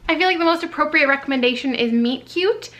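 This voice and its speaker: A woman book vlogger chatting casually about words and books, wry and quick to laugh at herself. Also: sits high, bright, forceful tone. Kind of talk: casual vlog chat.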